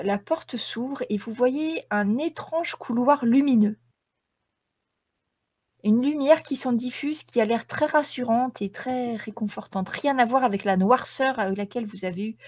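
Female game master, descriptive tabletop narration, higher register, dry recording. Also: very animated, unhurried, a little mellow, no echo. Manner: descriptive, storytelling.

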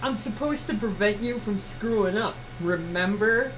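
A woman's voice: mid-range voice, moderate pace, a little hiss or hum, lightly acted, rough recording. A woman voicing a spunky, sarcastic young woman ex-gang bounty hunter in an amateur comic read-through. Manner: brash, sarcastic, slangy.

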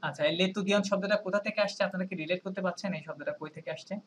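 A man's voice: sits high, steady tone, slight background noise, rough recording. Man teaching French over a video call. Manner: explains slowly, checking in with "right?" and "okay?"; spells words letter by letter, mixing in English. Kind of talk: online language lesson.

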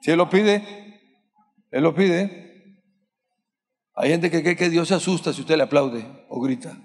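A man preaching a sermon as pastor, questioning the congregation and rising to shouts at the peaks. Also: fairly high pitch, unhurried. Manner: rises to shouting at climaxes. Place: large church sanctuary. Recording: long hall reverb from a church.

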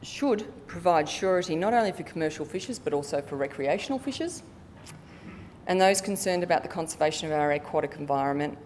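A middle-aged woman researcher presents formally from a conference hall stage, reading prepared material into a lectern microphone at a measured pace with the odd stumble. Her fairly low, darkish voice has lively intonation. The hall leaves a long reverberant tail, and a faint rumble sits behind her.

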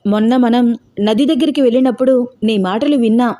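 A woman's voice: on the high side, brisk, mellow, close to an everyday voice. A woman voicing a persistent young man who coaxes and pleads. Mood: defensive. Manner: coaxing, pleading. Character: young man, teasing yet caring, persistent.

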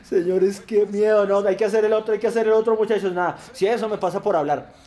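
A young Colombian man commentating his own football video game match, chatting with viewers and shouting at the plays. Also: sits high, fairly even intonation, very fast. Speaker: gaming YouTuber.

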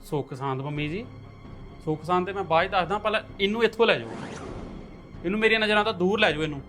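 A man's voice: sits high, quick pace, faint music behind. A man playing a furious young husband. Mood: angry. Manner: angry, accusing, shouting. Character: furious young husband defending his mute sister. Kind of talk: amateur family drama acting.

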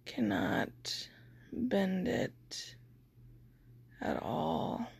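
Hoarse whispering woman, slow and tired. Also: medium pitch, sing-song, a little mellow. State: hoarse, scratchy throat. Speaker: vlogger recovering from surgery. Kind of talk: casual video diary.

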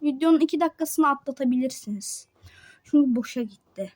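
A woman's voice: high-pitched, a little fast, a little mellow. A woman giving gameplay commentary to her viewers, switching between muttered asides and frustrated outbursts. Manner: talks straight to viewers as friends. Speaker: gamer.

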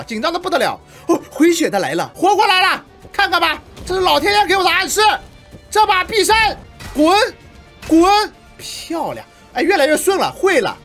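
A woman giving excitable live commentary on a game, shouting battle cries and laughing at herself. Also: fairly low pitch. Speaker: gameplay streamer.

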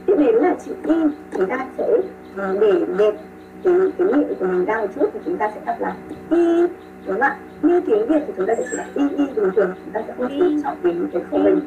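A woman teaching pronunciation online over a video call. She models sounds slowly, repeats them and praises her students. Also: mid-range voice, expressive, far from the mic, crowd noise. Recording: tinny call audio with music behind.

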